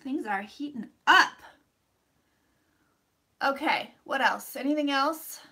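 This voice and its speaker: A woman with a high, bright voice hosts a casual livestream. She sounds a little congested as she rambles and thinks aloud. Her manner is playful and sweary, with effusive greetings to her viewers. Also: lively intonation, slow pace. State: slightly congested after flu. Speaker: livestream host doing psychic readings.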